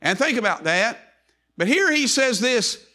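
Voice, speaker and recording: An older male pastor delivers a sermon to his church in a high, bright, ringing voice that's sing-song and a little slow. Earnest and emphatic, he repeats key phrases and draws out the words he stresses.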